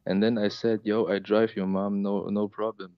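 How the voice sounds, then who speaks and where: With a lowish voice, little pitch movement, and a moderate pace, a young German caller in his twenties relates a personal story on a call-in show. He is hesitant and emotional, using many fillers and restarting often; the audio has no echo and its highs are cut off.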